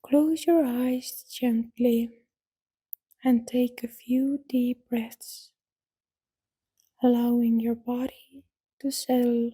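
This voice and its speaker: In a scripted guided meditation, a yoga nidra guide speaks very slowly and calmly, giving soothing, gentle instructions with long pauses between brief phrases. She has a breathy, soft voice, relaxed and dark in tone, with a melody that barely changes.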